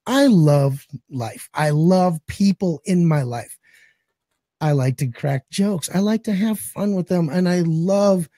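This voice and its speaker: This forties-aged podcast co-host chats casually, cracking jokes and swearing without restraint, some cracking still in a voice that's coming back after he lost it. He sounds mellow and on the high side. The audio is studio quality, with no echo.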